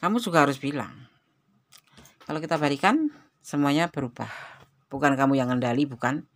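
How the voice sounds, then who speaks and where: A woman's voice: extremely low pitch, brisk. A woman giving a chatty, exclamatory tarot reading to her viewers. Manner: chatty and exclamatory, with frequent religious interjections. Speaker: tarot reader.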